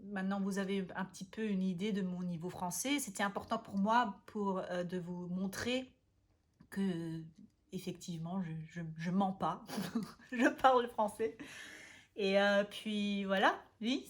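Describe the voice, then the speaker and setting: A woman from Austria, talking casually to camera as a language vlogger, often pausing to search for words and restarting. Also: medium pitch. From Austria (Vienna). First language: German.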